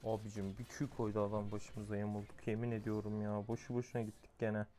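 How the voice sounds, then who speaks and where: A young man giving casual commentary over his own mobile gameplay, excitable, going from muttered grumbling to shouted outbursts. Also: fairly low pitch, fast talker, slight background noise. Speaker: gamer playing a mobile game.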